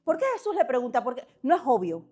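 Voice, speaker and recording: A woman preaching a sermon, passionate, building to loud exhortations with dramatic pauses. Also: sits high, sing-song.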